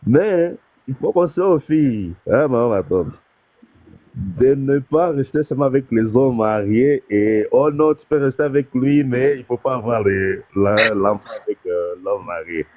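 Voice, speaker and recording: Halting man on a muffled call. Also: mid-range voice, animated. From DR Congo, North Kivu. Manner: halting, many restarts and fillers. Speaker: caller on a live stream. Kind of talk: casual call-in advice. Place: call from abroad.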